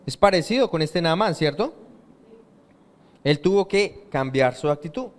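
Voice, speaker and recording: A male pastor preaching a sermon and often pausing to ask the congregation to fill in words. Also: fairly high pitch, expressive. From Colombia. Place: church hall. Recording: reverberant church hall.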